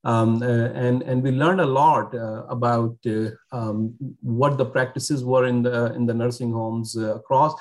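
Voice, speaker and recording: A man's voice: mid-range voice, steady tone, measured pace, hardly any pauses. A man from Pakistan, a physician guest on a podcast, telling his story with many fillers and restarts. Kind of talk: podcast interview.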